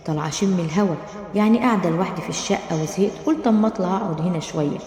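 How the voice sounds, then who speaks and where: A woman's voice: on the low side, racing, warm tone, close to an everyday voice. Tearful young wife, read by a woman, Egyptian accent, pleading, reverberant room. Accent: Egyptian Arabic. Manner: pleading, weepy. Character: frightened tearful young wife, unhappy in marriage. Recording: roomy, long reverb.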